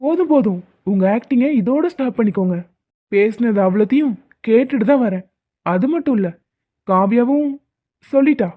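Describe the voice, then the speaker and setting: A woman's voice: on the high side, lively intonation, moderate pace. A woman voicing a confident young man in a cartoon drama, who talks in a teasing, commanding way. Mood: mocking. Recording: dry, phone-like lo-fi.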